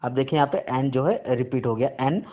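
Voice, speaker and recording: A man with an Indian English accent teaching a grammar lesson, reading English rules out slowly and then explaining them quickly in between. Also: mid-range voice, mellow.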